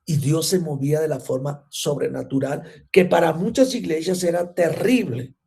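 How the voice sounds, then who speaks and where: A man's voice: a little high, normal speed, creaky, warm tone. Man teaching a church class. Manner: engages listeners with frequent rhetorical questions. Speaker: Bible teacher.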